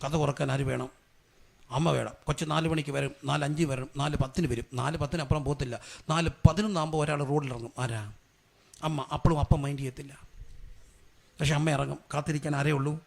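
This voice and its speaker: A middle-aged male pastor preaching a sermon, firing rhetorical questions at the congregation for them to answer and building to loud, fervent prayer. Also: a little high, fairly even intonation, a little fast, creaky.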